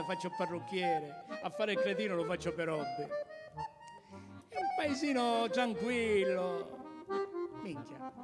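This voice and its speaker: A middle-aged man with a Sicilian Italian accent delivers a comic stage monologue in a theatrical, mock-solemn way. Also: high voice. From Sicily, Italy. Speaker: stand-up comedian and singer. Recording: echoey hall reverb, loud music behind. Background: loud accordion music.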